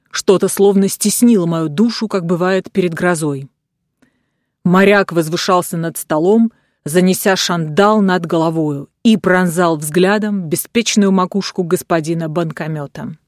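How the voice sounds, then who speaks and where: A woman reading a novel aloud in an even, measured way. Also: on the low side, no room sound, studio quality. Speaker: audiobook reader. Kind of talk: scripted narration of a novel.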